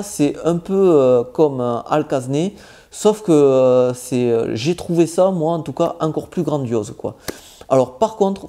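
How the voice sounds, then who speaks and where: A man's voice: fairly high pitch, mellow. A man with a southwestern French accent giving casual, informal travel tips straight to the viewer, with many hesitations as he talks. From southwest France. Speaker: travel vlogger.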